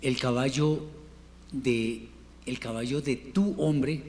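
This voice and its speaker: A man teaching a Hebrew class, patiently drilling word forms and repeating them slowly for his students. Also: mid-range voice, fairly even intonation, a little mellow. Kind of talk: classroom lesson. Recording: reverberant room with faint noise.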